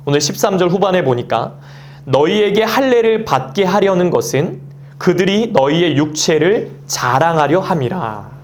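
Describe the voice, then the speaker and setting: A man's voice: high voice, lively intonation, moderate pace, darkish tone. A man in his thirties preaching a Sunday sermon as pastor, acting out quoted voices and a child's play as he goes.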